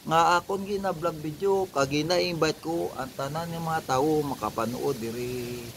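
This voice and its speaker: A man with an Ilonggo Filipino accent giving a casual, rambling vlog, repeating phrases in a sing-song way on a noisy amateur recording. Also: a little high. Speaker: vlogger.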